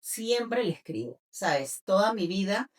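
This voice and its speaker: A woman's voice: mid-range voice, animated, measured pace, distant mic. A woman sharing a personal testimony as an interview guest, with many fillers and restarts.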